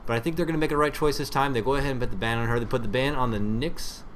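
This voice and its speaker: A man's voice: medium pitch, racing. A man doing amateur esports caster commentary on a game stream, chatty and repetitive. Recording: home stream with background game noise. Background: game sounds and announcer.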